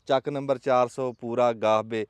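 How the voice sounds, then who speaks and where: A man with a Pakistani Punjabi accent hosts a casual outdoor vlog, telling things in an emphatic, rhetorical, folksy way. His mid-range voice is steady, clear and resonant at a normal speed, recorded dry.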